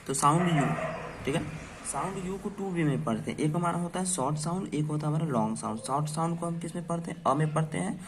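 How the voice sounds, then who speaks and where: A man's voice: on the high side, fast talker, background noise. A man teaching an English phonics lesson to children, asking and answering his own questions and spelling words letter by letter.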